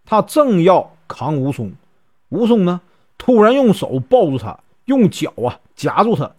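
Lively Northeastern storyteller man. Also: a little high. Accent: Northeastern Mandarin. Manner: chatty, with many drawn-out fillers. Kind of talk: casual storytelling.

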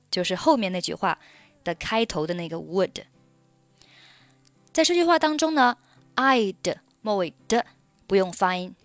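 A woman teaching pronunciation at a slow, careful pace, repeating each phrase and then breaking it down. Her voice sits at an ordinary middle pitch. The recording is dry and close, with faint music underneath. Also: no room sound. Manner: repeats model phrases slowly, then explains. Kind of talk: slow instructional pronunciation lesson.

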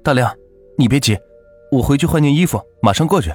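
Man doing a blunt, gruff village man. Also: mid-range voice, animated, fairly quick, a little mellow, faint music behind, pitched above the performer's own voice. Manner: blunt, gruff rural talk. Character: grumpy blunt village man woken at night.

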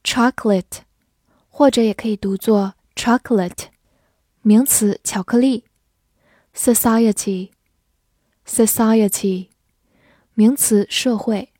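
A woman's voice: medium pitch, dark tone, no room sound, studio quality. A woman teacher reading a vocabulary review with care. She says each English word twice before giving its meaning.

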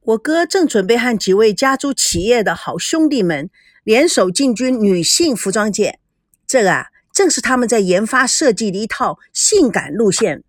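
A woman's voice: fairly high pitch, lively intonation, moderate pace, no echo, studio quality. A woman voicing a proud, boastful rich teenage girl in a storybook reading. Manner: boastful, bossy, generous.

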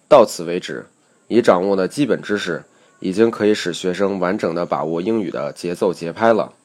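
A man with a very low voice narrates a scripted pronunciation lesson. He explains each point in a measured way and reads example sentences aloud. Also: a little mellow. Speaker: English pronunciation teacher.

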